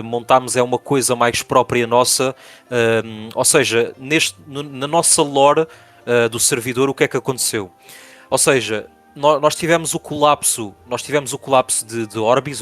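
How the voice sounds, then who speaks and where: A man's voice: medium pitch, fairly bright tone. Hesitant Portuguese man with European accent. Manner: hesitant, many fillers and restarts. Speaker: project spokesperson. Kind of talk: interview answers.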